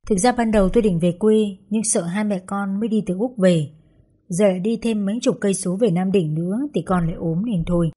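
Mellow, husky young woman narrating. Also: mid-range voice, brisk. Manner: calm, reflective storytelling. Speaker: audiobook narrator. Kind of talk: first-person story narration.

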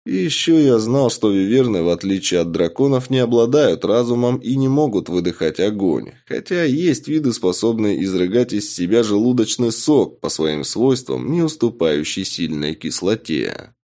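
A man narrating a fantasy audiobook in the first person, with expressive storytelling. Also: lowish voice, moderate pace, hardly any pauses.

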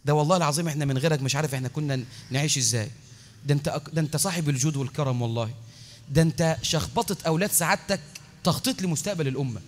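A man's voice: on the high side, very fast, a little hiss or hum, pitched below the performer's own voice, lightly acted. An Egyptian-accented preacher acting out a humble male beggar who fawns over a rich man. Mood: fawning, humble. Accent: Egyptian Arabic. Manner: humble, fawning, soft. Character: groveling male beggar flattering a rich merchant.

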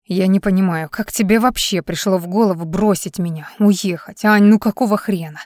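A woman's voice: mid-range voice, normal speed, darkish tone, no echo, studio quality, lightly acted. A woman reading an audiobook, voicing an urgent, insistent man arguing with his lover over the phone. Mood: angry.

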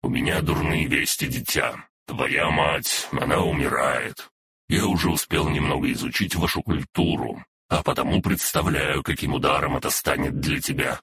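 A man reading an audiobook voices an ancient male demon who speaks in a solemn, archaic, quiet way. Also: rumbling low, moderate pace, slightly rough, exaggerated voice. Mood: grave.

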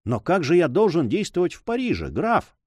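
A fretful, greedy prison major in an audiobook, fawning and eager, as a male reader puts him on. His lively, rising voice sounds dry and close. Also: on the high side, fairly quick, dry recording, voice pushed up.

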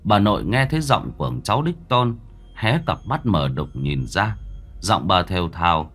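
A man narrating a ghost story in a dramatic, expressive way. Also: sits low, moderate pace, faint music behind.

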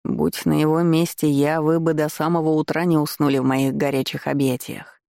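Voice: mid-range voice, flat delivery, normal speed, creaky, darkish tone, dry recording, clean studio sound, natural voice. Самоуверенный дерзкий лэрд в исполнении чтеца дразнит собеседницу неторопливо и вкрадчиво. Звук сухой, близкий. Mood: дразнящий. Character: насмешливый обаятельный молодой лэрд-мерзавец. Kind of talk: чтение аудиокниги по ролям.

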